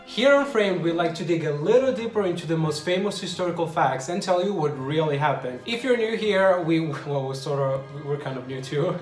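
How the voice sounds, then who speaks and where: Host, man, joking, opinionated, raised pitch, roomy echo, faint music. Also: expressive, a little fast, hardly any pauses. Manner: joking, opinionated, restarts sentences. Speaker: podcast host. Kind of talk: casual chat.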